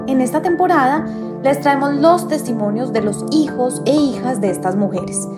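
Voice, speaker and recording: A woman hosting a podcast, reading a scripted introduction in a clear, measured presenter delivery. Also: high voice. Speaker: podcast host. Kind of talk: scripted narration. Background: loud music.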